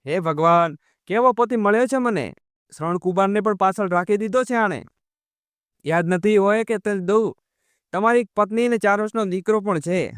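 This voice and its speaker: A man's voice: high-pitched, moderate pace, clear, resonant tone, no echo, studio quality, close to an everyday voice. A man voicing a quarrelsome young wife who scolds and taunts her husband, in a storybook reading. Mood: taunting.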